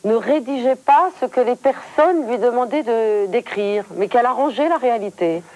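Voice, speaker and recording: Mellow-voiced woman interviewer, measured and eloquent. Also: fairly high pitch. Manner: measured, eloquent, building phrases in lists. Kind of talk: formal TV interview.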